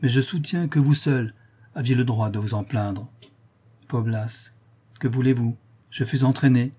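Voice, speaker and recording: A man's voice: mid-range voice, dark tone, breathy edge. A man voicing a dying young nobleman who speaks faintly, then with sudden firmness, in a classic novel reading. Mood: weak, reproachful. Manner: faint, halting then firm. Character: dying young count, feverish and weak.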